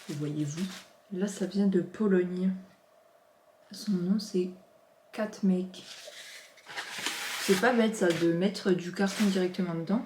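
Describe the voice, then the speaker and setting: A woman in her thirties chats through an unboxing, warm with exclamations and easy asides. Her voice sits a touch low. The room around her rings with a noticeable echo. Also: background noise. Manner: gushing, chatty, lots of exclamations. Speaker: vlogger. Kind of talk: casual unboxing chat. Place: home office. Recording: roomy echo.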